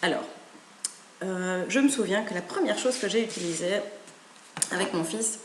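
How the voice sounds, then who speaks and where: A woman giving parenting advice in a casual, animated way, acting out a children's story as she talks. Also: medium pitch, normal speed, noisy background. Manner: animated, acts out stories. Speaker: parenting educator. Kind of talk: casual spoken advice video. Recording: echoey room.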